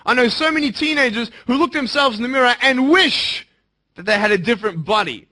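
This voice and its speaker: A young man giving an emphatic motivational speech to students, swinging between bold declarations and hushed, earnest appeals. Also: extremely high pitch, expressive, a little fast. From Australia. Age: young adult. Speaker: motivational speaker.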